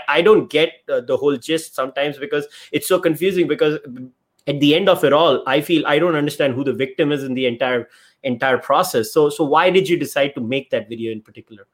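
A podcast host with an Indian accent conducts a conversational interview, circling around his questions in a rambling way. His voice is mid-range and a little fast.

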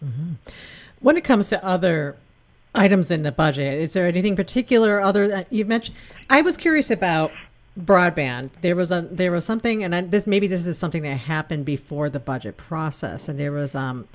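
A woman's voice: fairly low pitch, fairly quick. A woman hosting a radio interview, asking questions tentatively, searching for words. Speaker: radio host.

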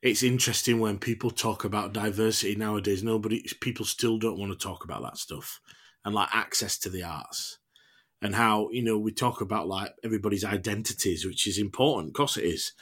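A man's voice: on the low side, a little fast, a bit bright, breathy edge. A man in his thirties with a Yorkshire accent, talking informally and reflectively in a candid interview. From Yorkshire, England. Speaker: actor, podcast guest.

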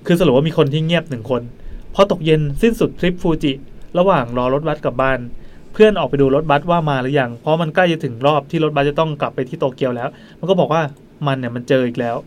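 A man hosting a podcast, telling a ghost story in a quick, chatty way into a studio mic. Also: on the high side, a little mellow, slight background noise. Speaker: podcast host.

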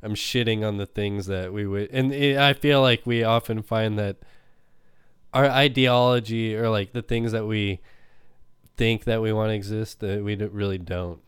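Guy rambling and joking on a podcast, smooth clear voice, dry sound. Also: fairly low pitch, steady tone, normal speed, dry recording. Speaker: podcast co-host. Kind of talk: casual chat.

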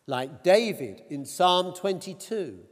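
A man preaching a sermon in a measured, deliberate way, his voice rising on quoted cries. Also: high voice, animated. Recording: long reverb of a church hall.

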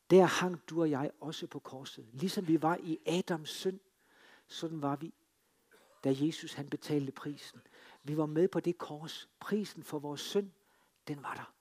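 A man delivers a sermon in a somewhat high voice. He tells it like a drama, pressing hard on some lines and dropping almost to a whisper on others. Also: slightly rough. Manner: dramatic storytelling, swinging between emphatic and hushed. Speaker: preacher. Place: free church.

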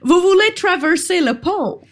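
A woman's voice: very high voice, expressive, unhurried, pitched above the performer's own voice, heavily acted. A woman with a Quebec French accent voicing a polite, neatly dressed male troll who sticks to the rules. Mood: prim. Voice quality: prim and formal, sticking to rules.

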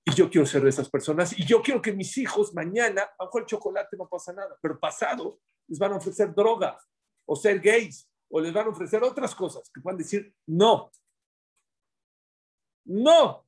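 Male religious teacher, husky voice, fairly high pitch, animated preaching. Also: brisk. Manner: animated, preacherly, acts out quotes. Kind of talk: religious class with storytelling.

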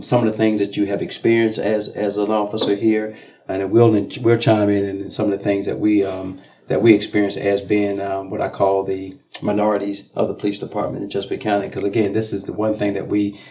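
A man with a low, gravelly voice hosts a casual podcast chat. He talks in an unhurried way, full of ums and restarts. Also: flat delivery, warm tone. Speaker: podcast host, police officer.

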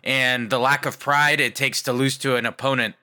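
A man with a very bright, sharp-toned voice, chatting casually about sports. He delivers his gripes with a wry, sarcastic edge. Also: medium pitch, steady tone, moderate pace. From Ohio. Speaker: podcast co-host. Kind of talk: casual chat, sports talk.

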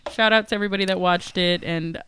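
A young woman co-hosting a casual podcast, telling stories in slangy, animated talk full of laughter. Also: on the low side, fast talker, slight background noise. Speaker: podcast co-host.

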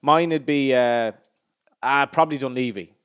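A man with a west of Ireland accent hosting a podcast in casual, animated, slangy and sweary banter. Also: medium pitch, moderate pace, clean tone. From Galway, west of Ireland. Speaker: podcast host.

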